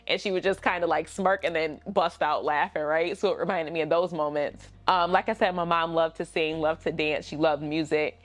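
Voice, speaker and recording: A woman's voice: deep voice, fairly even intonation, normal speed, hardly any pauses. A woman vlogger telling a personal story, candid and emotional, chatty with slang asides.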